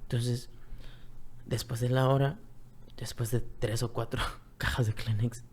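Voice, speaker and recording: A man from Mexico with a Mexican accent, telling a personal story as a guest in an earnest, repetitive way that often drops to a soft near-whisper. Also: mid-range voice, flat delivery, a little slow, slight background noise. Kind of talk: personal testimony, conversational storytelling.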